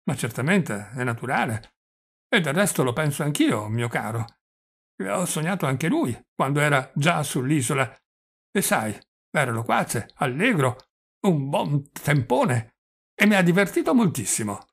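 Guy doing a doddery old prince in an audiobook, husky, keeps tripping over words, tosses in french. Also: on the high side, sing-song, unhurried, a bit bright, exaggerated voice. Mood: rambling. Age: older. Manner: stammers on words, sprinkles French phrases. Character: doddering old prince, forgetful, rambling, stammering. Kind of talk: audiobook character reading.

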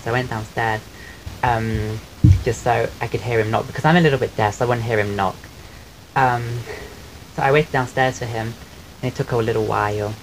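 A man with a soft voice that people often take for a woman's, chatting casually on a live stream at home and thanking his viewers. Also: mid-range voice, low-quality recording. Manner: chatty and rambling, thanks viewers while eating. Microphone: desk microphone. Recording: clear background noise on the stream mic.

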